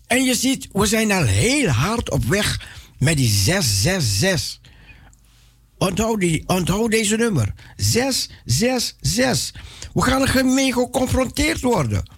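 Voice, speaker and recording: Fervent preaching man with a gravelly voice. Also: high-pitched, dry recording. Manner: impassioned, repetitive, many restarts and stumbles. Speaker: radio evangelist. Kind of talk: preaching on radio.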